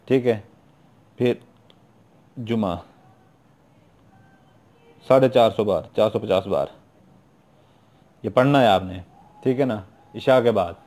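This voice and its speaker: Pakistani guy explaining step by step, mellow low-key voice, says everything twice, keeps checking you're with him. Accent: Pakistani Urdu. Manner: repetitive, informal, keeps adding "theek hai na". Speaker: YouTube occult practitioner. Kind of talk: casual spoken instruction.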